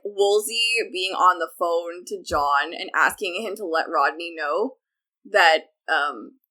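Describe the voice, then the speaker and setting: Woman podcast co-host, bright and forceful, casual gushing fan talk. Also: lowish voice. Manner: gushing, filler-heavy.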